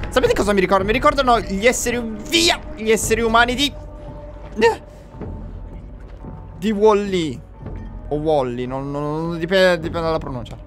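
A young man giving jokey, excitable let's play commentary on a horror game, talking to viewers and breaking into panicked yells. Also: high voice. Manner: addresses viewers directly. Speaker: gamer playing a horror game.

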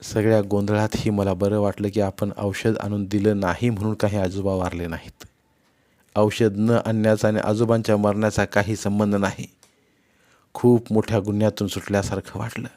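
A man reading a novel aloud in the first person, expressive and voicing each character himself. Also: lowish voice, normal speed. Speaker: audiobook narrator.

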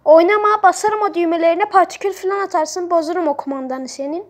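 A woman giving excitable, blunt let's-play commentary, trash-talking other players. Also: very high-pitched, fast. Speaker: gamer playing on a role-play server.

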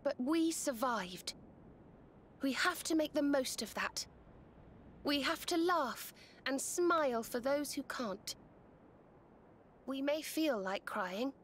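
A consoling young heroine in a game, high voice, slow deliberate delivery. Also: female voice, lively intonation, slight background noise. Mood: earnest. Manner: soft, heartfelt, consoling. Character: gentle earnest young woman companion. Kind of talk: video game voice acting.

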